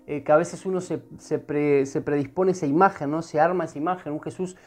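A woman with an Argentine Spanish accent preaches an earnest devotional sermon in a low, steady voice at a fairly quick pace. She repeats her phrases and often checks in with her listeners.

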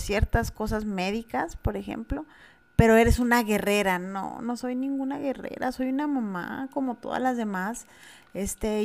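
A woman with a Mexican Spanish accent, a mother co-hosting a casual podcast conversation, speaking candidly and earnestly with frequent fillers. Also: mid-range voice.

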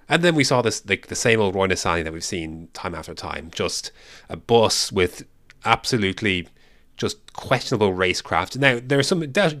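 On a dry recording, a young man with a fairly low-pitched voice co-hosts a motorsport podcast. His casual chat is opinionated and animated, shifting from excitement to dry asides.

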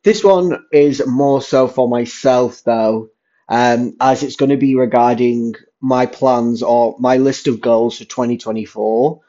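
Young man, British accent, hoarse smoker's rasp from a cold, mellow tone, casual rambling chat, dull lo-fi recording. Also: medium pitch, slow pace. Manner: chatty, rambling, repeats words for emphasis. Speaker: podcast host and YouTuber. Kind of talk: casual solo update. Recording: dull lo-fi sound.

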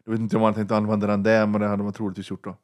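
Blunt, low-voiced Swedish man telling a story. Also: completely flat delivery. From western Sweden. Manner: blunt, swears freely, acts out quoted voices. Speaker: interview guest. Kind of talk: casual storytelling.

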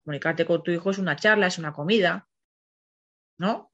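A woman's voice: fairly low pitch, brisk, fairly bright tone. A woman with a Spain Spanish accent hosting a parenting program, talking in a chatty, rambling way and often tagging her sentences with a questioning "no?". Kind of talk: casual spoken monologue. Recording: slightly muffled recording.

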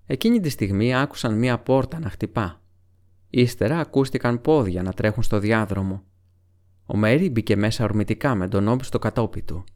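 A man narrating an audiobook, reading the story parts between dialogue in a low, quiet way. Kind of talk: scripted narration.

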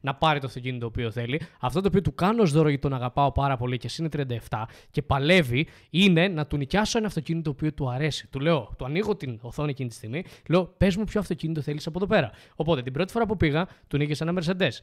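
A man's voice: fairly high pitch, few pauses. A man from Greece, co-hosting a casual podcast, bluntly answering a viewer comment. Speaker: podcast co-host. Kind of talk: casual chat.

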